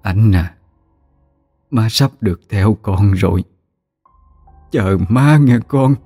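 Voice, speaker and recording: A man voicing a dying old grandmother in a ghost story, in a soft, weary, slow voice. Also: fairly low pitch, no room sound, faint music behind. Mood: remorseful. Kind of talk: audiobook character reading.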